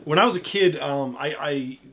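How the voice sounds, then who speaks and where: A middle-aged man with a fairly high voice tells stories as an interview guest. He speaks casually, with joking, self-deprecating asides. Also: normal speed, fairly bright tone, a little hiss or hum. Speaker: interview guest, DJ and music history video maker.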